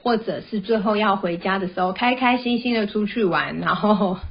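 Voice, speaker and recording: A mother hosts a parenting podcast, chatting gently and sharing stories about her kids. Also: mid-range voice, moderate pace, breathy edge. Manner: gentle, chatty, tells personal anecdotes. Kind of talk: casual podcast monologue. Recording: dull, slightly lo-fi sound.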